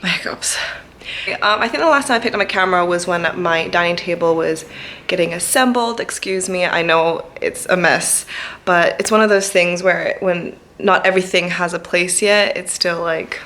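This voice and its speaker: A woman chats to a handheld vlogging camera while walking through her flat. Her voice sits a bit low and her talk wanders, full of little fillers and restarts. It sounds like a relaxed home tour. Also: moderate pace. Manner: chatty, rambling, many fillers. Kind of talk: casual home tour vlog. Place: flat, indoors.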